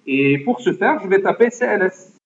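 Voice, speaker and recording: A man's voice: sits high, animated, moderate pace, slight background noise. A man teaching a computer lesson to a class, explaining step by step and often checking that students follow. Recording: echoey classroom, dull lo-fi sound.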